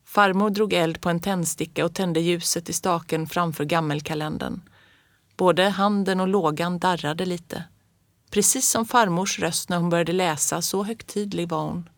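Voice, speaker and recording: Audiobook reader, children's story told as a child, calm, gentle, mid pitch, dry close recording. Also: no echo. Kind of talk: storybook narration in the first person of a child.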